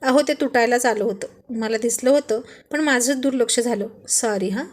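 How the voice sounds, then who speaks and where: Brief: shy young wife, amused and gently scolding, read by a woman, raised pitch. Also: normal speed, natural voice.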